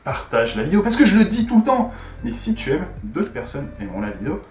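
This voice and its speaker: A man hosting a casual educational vlog on learning a language, animated and expressive, swinging from loud exclaiming to muttered asides. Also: fairly high pitch, quick pace. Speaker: YouTuber teaching Korean. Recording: echoey room, distant mic, faint music.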